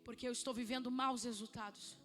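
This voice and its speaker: A woman pastor with a Brazilian Portuguese accent preaching a Pentecostal sermon, swinging between fervent shouts and hushed, intimate speech and calling out listeners by name. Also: a little high, fairly even intonation, a little fast, big-room sound, soft background music.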